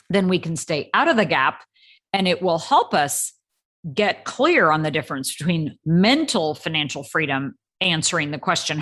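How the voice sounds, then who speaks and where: A woman with a fairly low voice speaks as a guest coach on a podcast. She explains her points confidently and with emphasis, like someone used to teaching. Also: a bit bright. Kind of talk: interview answers.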